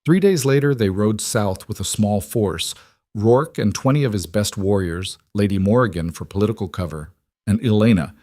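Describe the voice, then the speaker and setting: A man reads a scripted fantasy story aloud with a low voice. The sound is close and dry, with an even, steady delivery. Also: moderate pace, dry recording. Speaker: narrator.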